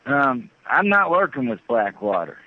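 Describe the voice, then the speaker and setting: A man's voice: medium pitch, very animated. Man on a tinny phone line. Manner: halting, repeats himself, earnest storytelling. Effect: phone line, heard over the phone. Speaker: phone-in guest. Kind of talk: casual phone interview. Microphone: telephone, satellite phone.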